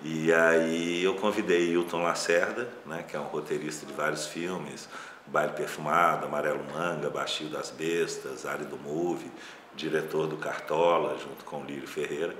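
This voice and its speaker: Speaking at a normal speed, this man has an extremely low voice with a fairly bright tone and fairly even intonation. He's a Brazilian-accented film director giving a casual, reflective interview about his work, with loosely phrased asides, recorded in an echoey room with faint background noise.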